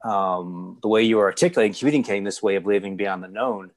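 Lower-voiced podcast host, friendly. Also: male voice, quick pace. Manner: friendly, with frequent "um" fillers. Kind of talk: podcast interview.

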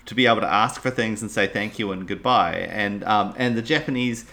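A man in relaxed conversation, recounting film scenes with trailing phrases. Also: fairly low pitch, a little fast, creaky. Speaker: podcast co-host discussing a film. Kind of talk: casual film discussion.

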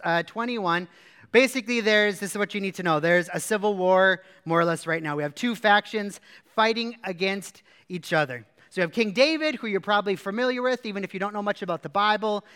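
A male pastor giving a sermon in a relaxed, conversational way, retelling a story in plain words with casual asides. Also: high voice, clear, resonant tone, big-room sound.

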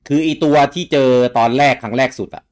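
A young man co-hosting a casual gaming news talk show, getting animated and loud when excited. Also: medium pitch, fast talker. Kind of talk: casual chat.

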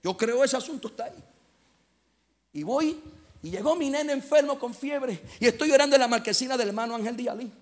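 A middle-aged man preaching a fervent sermon, telling stories and moving between loud and hushed passages. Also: very high voice, brisk. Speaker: pastor.

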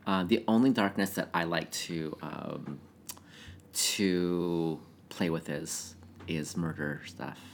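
A man's voice: sits low, takes it slowly, vocal fry, slight background noise. A man co-hosting a podcast in easygoing, giggly casual chat. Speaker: podcast co-host.

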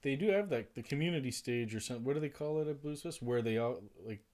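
A man hosting a casual interview, cutting in with quick jokes and short replies. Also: medium pitch, a little mellow. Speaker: podcast host.

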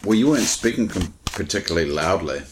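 A man's voice: deep voice, lively intonation, quick pace, background noise. A man co-hosting a podcast in casual chat, teasing his partner with dry questions. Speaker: podcast co-host.

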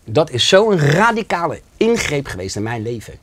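A man's voice: a little high, sing-song, normal speed, background noise. Man telling an earnest, emotional story. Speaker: interview guest. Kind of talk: personal testimony.

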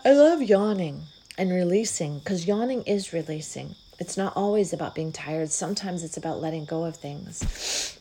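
A middle-aged woman hosting a spiritual podcast, speaking slow, soft gratitude affirmations with hums and sighs. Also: low-pitched, a little hiss or hum, rough recording. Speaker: podcast host.

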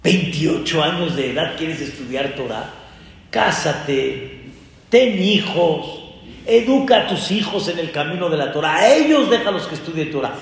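Man playing a wealthy, coaxing father, slow, hall echo. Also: a little high, expressive, pitched above the performer's own voice. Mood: insistent. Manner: coaxing, gently insistent. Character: doting rich father, coaxing his grown son. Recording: echoey hall.

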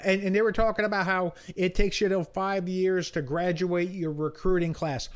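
A man with a notably high voice co-hosting a casual basketball podcast. He is blunt and opinionated, criticizing the broadcasts freely. When he gets going he repeats his words and pushes ahead. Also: little pitch movement, normal speed, clean tone. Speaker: podcast co-host. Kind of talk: casual sports chat.

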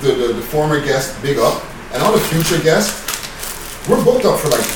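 A man's voice: on the high side, sing-song, normal speed. A man hosting a podcast in rambling stoner fashion with casual street slang. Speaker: podcast host. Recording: echoey, noisy room, distant from mic.

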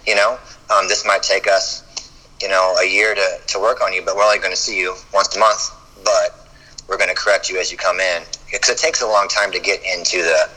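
A man's voice: deep voice, flat delivery, brisk, bright, forceful tone, low-quality recording. A man, a chiropractor guest on a podcast, talking casually and often stumbling over repeated words as he starts a thought.

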